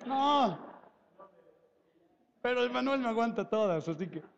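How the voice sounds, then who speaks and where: A man preaches from a church hall, his high-pitched voice carried by a long reverb. He is emphatic and animated, breaking into joking asides and stumbling over repeated words. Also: measured pace, vocal fry, muffled recording, slight background noise. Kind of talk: lively sermon.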